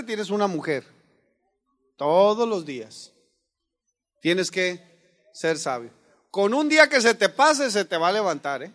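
High-voiced pastor preaching. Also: male voice, fairly bright tone. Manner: earnest, addresses listeners as brothers, rhetorical questions. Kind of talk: conversational sermon.

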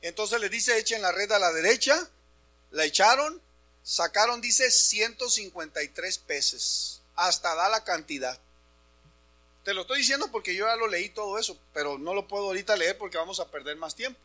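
A pastor delivers an animated Easter sermon at normal speed, addressing his congregation as brothers. His high voice is bright and forceful, and he often shouts to make a point. A faint mains hum runs under the church recording.

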